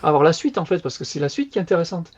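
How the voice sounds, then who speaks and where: A man co-hosting a podcast, chatting casually as he reviews a novel in an animated, slangy, loose way. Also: on the high side, very fast, lo-fi sound. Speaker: podcast co-host. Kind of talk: casual book review chat.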